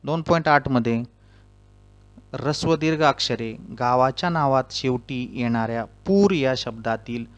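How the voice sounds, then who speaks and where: A man teaching a grammar lesson, reading out rules one by one and spelling out the example words slowly. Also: mid-range voice. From Maharashtra.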